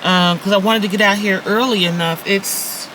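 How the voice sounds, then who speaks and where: A woman's voice: medium pitch, fairly even intonation, normal speed, noisy background. A woman in her fifties chatting casually to her viewers in a self-filmed vlog, recorded on a phone at a park and in her car. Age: 50s. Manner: chatty, talks straight to viewers, many fillers. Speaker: vlogger. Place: outdoors at a park and in a parked car.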